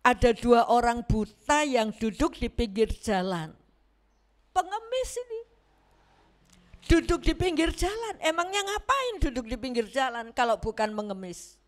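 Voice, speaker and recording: A woman preaching a sermon in a church, animated and acting out the voices she quotes. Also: fairly high pitch, moderate pace. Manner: animated, acts out quoted voices, mixes in Javanese words.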